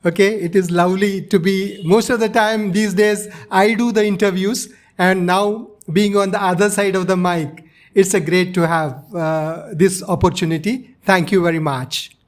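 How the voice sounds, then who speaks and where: A man in his sixties speaks with a South Indian accent in a notably high-pitched voice. He answers as an interviewee, laying out his experiences step by step in a measured, explanatory manner. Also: fairly even intonation. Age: 60s. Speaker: interviewee, retired navy officer. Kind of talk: interview, recounting personal experience.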